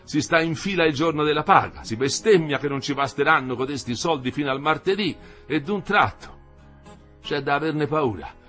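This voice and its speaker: A man reading a literary novel aloud with an expressive, dramatic delivery. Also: medium pitch. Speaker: audiobook reader.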